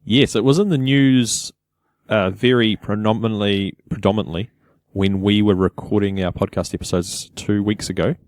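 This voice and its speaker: Teasing low-voiced New podcast man. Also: steady tone, moderate pace, a little mellow, no echo, studio quality. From New Zealand. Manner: teasing, prompting, chummy. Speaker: podcast co-host. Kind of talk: casual chat.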